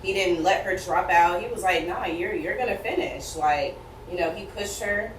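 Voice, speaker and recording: A woman co-hosts a podcast and thinks aloud in a fairly low voice, pausing with "um" and "you know." The mic sits at a distance, so the room echo is clear and faint noise sits underneath. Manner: reflective, many fillers. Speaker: podcast co-host. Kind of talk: casual chat.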